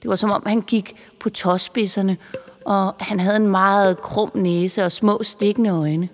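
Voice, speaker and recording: A woman reading a children's story aloud, expressive and playful. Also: mid-range voice. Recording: long reverb with music behind.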